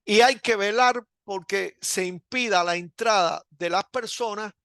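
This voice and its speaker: A man delivers a recorded lecture in a fairly high, gravelly voice with a bright edge. He speaks slowly and deliberately, pausing often and restarting phrases. The sound is dry and close. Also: no room sound. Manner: slow and deliberate with frequent hesitations.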